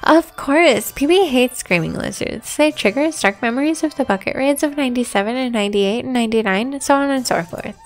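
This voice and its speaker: Woman as an excitable high-voiced cowgirl kid. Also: fairly quick, hardly any pauses, faint music behind. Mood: eager. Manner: gushing, exclamatory. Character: excitable, naive cartoon cowgirl kid eager to please.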